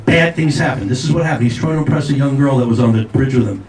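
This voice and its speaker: A man's voice: medium pitch, fast talker. A middle-aged man doing a brash, rambling, self-mocking stand-up comedy set. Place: live comedy show venue. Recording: roomy live venue, distant mic, loud noise.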